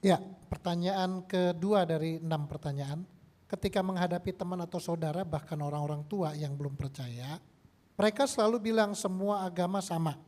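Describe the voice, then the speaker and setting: A man reading audience questions aloud in a plain, steady way as moderator. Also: high voice, normal speed.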